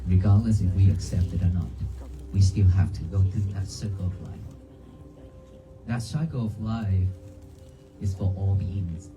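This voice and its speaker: A Buddhist monk whose first language is Vietnamese speaks to a crowd in short phrases, often stopping to ask them questions. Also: male voice, low-pitched, unhurried, pauses often, music in the background, low-quality recording. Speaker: Buddhist monk giving a talk. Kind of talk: dharma talk to a crowd. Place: outdoors by a church cemetery.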